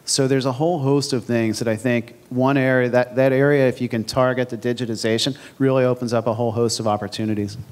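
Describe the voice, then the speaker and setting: A man in his forties speaking on a conference panel into a handheld mic, in a businesslike, even manner. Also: medium pitch, fast talker, few pauses. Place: large conference hall stage. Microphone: handheld microphone.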